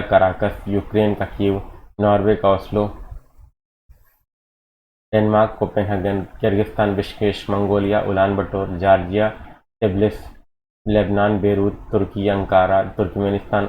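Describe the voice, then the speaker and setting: A male coaching teacher giving an exam-prep geography lecture, reciting lists and often saying "okay" and addressing the students as kids. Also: lowish voice. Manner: rapid list recitation with repeated "ठीक है" and "बच्चों". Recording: dull lo-fi audio with faint noise.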